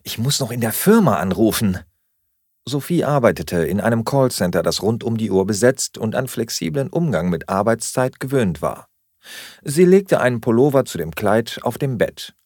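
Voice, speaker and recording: Expressive man reading an audiobook, dry sound. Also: mid-range voice, normal speed, dry recording. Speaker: audiobook narrator. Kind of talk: scripted narration.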